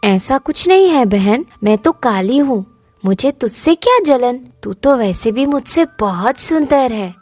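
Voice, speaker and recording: Woman voicing a gentle humble older sister. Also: a little high, lively intonation, measured pace, no echo. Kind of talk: cartoon dubbing.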